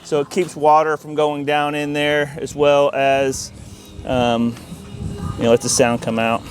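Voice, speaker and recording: Soft music plays behind a man whose tone stays level and whose pace is measured. As host of an installer's video channel, he gives an informal hands-on walkthrough outside in a yard. The audio carries outdoor noise and an ambient rumble.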